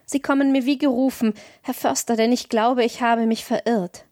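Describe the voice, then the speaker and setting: A woman's voice: a little high, fairly even intonation, normal speed, warm tone, no echo, studio quality, natural voice. A woman voicing a weary, bewildered young male traveler in an audiobook, with urgent, pleading questions. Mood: eager. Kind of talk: audiobook reading.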